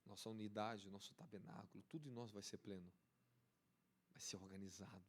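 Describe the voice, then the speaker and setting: A man with a Brazilian Portuguese accent preaching a charismatic sermon as an apostle, fervent and repetitive, rising to excited peaks. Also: lowish voice, a little fast, slight background noise.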